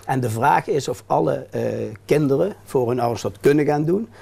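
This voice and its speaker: A man's voice: mid-range voice, moderate pace, gravelly, warm tone, breathy edge. A man as a guest on a local TV talk show, explaining his care initiative hesitantly with many filler sounds. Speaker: guest, care company founder.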